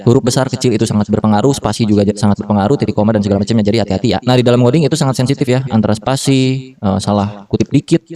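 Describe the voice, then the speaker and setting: A man's voice: medium pitch, dark tone, distant mic. A man in his thirties giving a casual, slangy coding tutorial, often correcting himself mid-sentence. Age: 30s. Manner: slangy Jakarta-style casual talk with fillers and self-corrections. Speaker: programming tutor.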